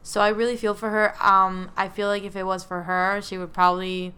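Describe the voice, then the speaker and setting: A woman's voice: mid-range voice, little pitch movement, fairly quick, sharp tone, clean tone. A young woman co-hosting a casual celebrity news chat, chatty and opinionated, with lots of fillers. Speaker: co-host.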